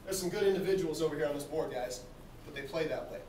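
A man with a notably high voice gives a pre-game team talk as a coach. He exhorts in short phrases, checking in with brief questions. The sound is echoey and picked up from across the room, with faint noise. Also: quick pace, a little mellow. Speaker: basketball coach. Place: small team locker room. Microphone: camera across the room. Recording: roomy, distant camera mic, faint noise.

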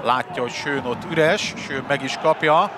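A man giving excited live football commentary on television. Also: mid-range voice. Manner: excited, rising to shouts on chances. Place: live match broadcast, stadium crowd behind. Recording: loud stadium crowd noise throughout.

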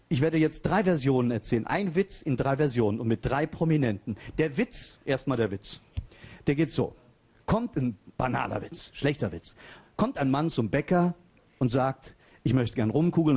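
A man doing a lively stand-up comedy routine on stage, chatting with quick asides. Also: fairly high pitch, breathy edge. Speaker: comedian and impressionist.

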